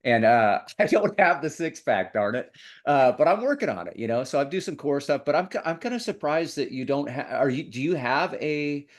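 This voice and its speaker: A man's voice: fairly high pitch, very animated, moderate pace. A man hosting a podcast, asking questions in a chatty, casual way with restarts. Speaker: podcast host.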